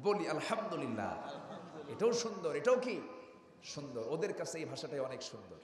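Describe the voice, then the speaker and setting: A man's voice: fairly high pitch, big pitch swings, normal speed. Man, preacher, call-and-response sermon, long reverb, distant. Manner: call-and-response with the crowd, loud bursts. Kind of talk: Islamic sermon at a gathering. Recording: roomy echo, long reverb, distant mic.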